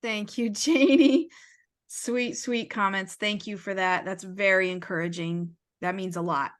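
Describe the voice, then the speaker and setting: A woman host of a course answering graduates warmly, often laughing and saying "praise God.". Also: medium pitch, unhurried. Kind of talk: encouraging response on a video call.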